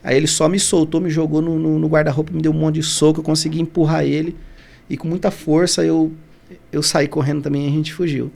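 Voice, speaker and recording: Man, Brazilian podcast guest, slightly high voice, gravelly, heartfelt storytelling, frequent restarts. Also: little pitch movement, fairly quick, darkish tone. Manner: emotional retelling, many restarts, acts out quoted voices. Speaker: podcast guest, barbershop founder. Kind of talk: personal storytelling in an interview.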